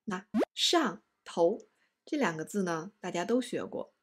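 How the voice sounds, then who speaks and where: Breathy woman teaching in slow clear steps. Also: on the low side, animated. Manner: slow, careful explanations with stressed example words. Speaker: Chinese language teacher. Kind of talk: scripted online lesson.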